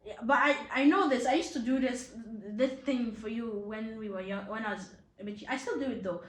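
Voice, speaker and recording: A woman's voice: on the high side, a little fast. Chatty young woman in an echoey room. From Nigeria. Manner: chatty, playful, many fillers and restarts. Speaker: host. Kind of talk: casual chat.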